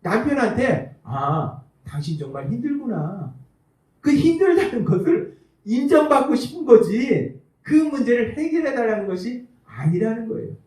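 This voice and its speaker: A man's voice: very high voice, a little mellow. A man preaching a sermon as pastor, emphatic and repetitive, stressing key phrases and acting out small everyday dialogues. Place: church sanctuary. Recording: echoey church hall, voice from a distance.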